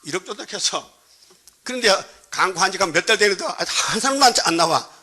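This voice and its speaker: A man's voice: sits high, lively intonation, quick pace, sharp tone. A male pastor with a Gyeongsang Korean accent preaches a sermon in a colloquial, joking way, constantly prodding the congregation with questions.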